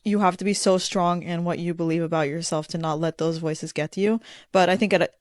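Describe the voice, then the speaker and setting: A woman's voice: on the low side, fairly even intonation, fairly quick, dry recording, studio quality. A woman in her late twenties hosting a podcast, encouraging and asking follow-up questions. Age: 20s. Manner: encouraging, frequent backchannels. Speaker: podcast host. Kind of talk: casual interview chat.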